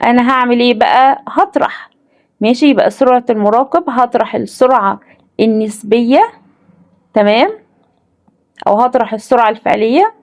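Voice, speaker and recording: A woman teaching science in an Egyptian accent, her voice pitched a little high. She talks very quickly, asking questions and answering them herself. She keeps drilling the same steps over and over. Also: darkish tone. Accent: Egyptian Arabic. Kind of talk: exam-prep lesson.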